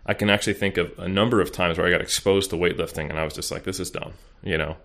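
Very deep-voiced man, rambling chat. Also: fairly even intonation, fast talker, fairly bright tone. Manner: rambling, many fillers and restarts. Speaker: podcast guest, bodybuilding coach. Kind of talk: casual interview chat.

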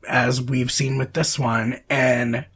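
Podcast co-host, husky, mid-pitched, rambling and chatty, with lots of fillers. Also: level tone, takes it slowly, a bit bright. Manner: rambling, frequent fillers and self-corrections; laughs often between phrases. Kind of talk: casual chat about horror films.

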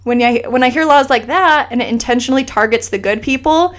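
Here a woman with a fairly high voice speaks a little fast, appearing as an interview guest who describes her family's immigration. Her tone is earnest and impassioned, and her casual talk is full of restarts.

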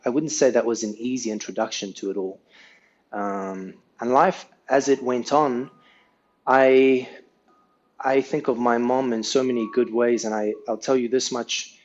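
A South African man on a podcast shares his life story in a casual, earnest manner, often finishing sentences with "right?". His mid-range voice is a little mellow, and the recording sounds muffled.

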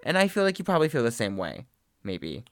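Camp man with heavy vocal fry. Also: medium pitch, wildly swooping pitch, a little fast, no room sound, clean studio sound. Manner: camp, effeminate way of talking. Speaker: podcast co-host. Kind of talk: casual chat.

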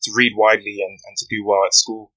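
Earnest young man, flat delivery. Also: lowish voice, low-quality recording. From West London, UK. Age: 20s. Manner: earnest, measured storytelling with frequent "you know". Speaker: guest, aspiring barrister. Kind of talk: podcast interview.

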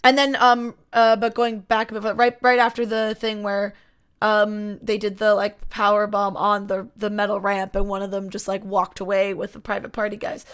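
A woman's voice: mid-range voice, monotone, moderate pace, smooth. A woman co-hosting a podcast, chatting casually and animatedly about a wrestling match, full of fillers and asides. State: yawning and hiccuping. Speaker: podcast co-host.

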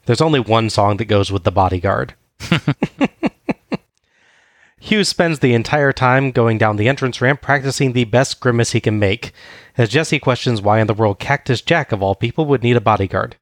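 A man's voice: medium pitch, normal speed, no room sound. Dry-voiced man recapping wrestling. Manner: dry, wry play-by-play. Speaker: podcast co-host recapping wrestling. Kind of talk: casual recap narration.

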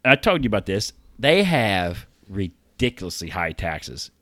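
Low-voiced american guy on a podcast, laughs a lot, swears, voice jumps all over, dry sound. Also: normal speed, no echo. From United States. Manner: animated storyteller, laughs often, swears. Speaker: podcast co-host. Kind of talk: casual chat.

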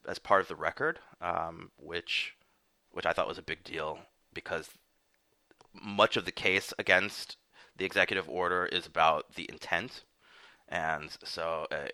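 A man's voice: low-pitched, pushed and bright, no room sound. A man hosting a casual political podcast, recapping news with lots of fillers and restarts. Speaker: podcast host.

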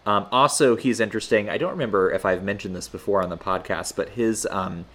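A man with a fairly low voice hosts a podcast. He chats casually and rambles, often hesitating as he finds his way through a thought. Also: a little fast, a bit bright. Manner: hesitant, rambling, filler-heavy. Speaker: podcast host. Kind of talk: casual film-history chat.

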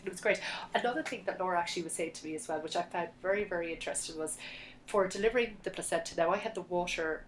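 A woman's voice: lowish voice, slight background noise, poor audio. Chatty Irish woman telling a story. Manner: animated storyteller, chatty and quick. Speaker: podcast guest sharing a birth story. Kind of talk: casual chat.

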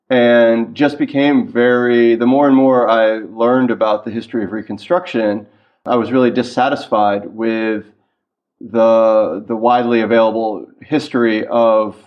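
A man from Washington, D.C. answering interview questions thoughtfully over a remote line, with fillers and restarts. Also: mid-range voice. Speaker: guest historian. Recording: dull lo-fi call-in line.

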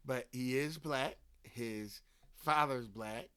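A podcast co-host with a Philadelphia (Delco) accent tells animated stories in a casual book-club chat, swearing casually and using plenty of fillers. His mid-range voice is slow, clear and resonant, with no room sound.

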